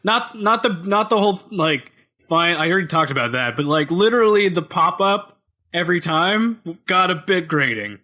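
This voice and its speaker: Podcast co-host, male, bright and slightly high voice, punny, on a headset. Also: animated, normal speed. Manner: punny, jokey, slips into mock voices. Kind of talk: casual gaming chat.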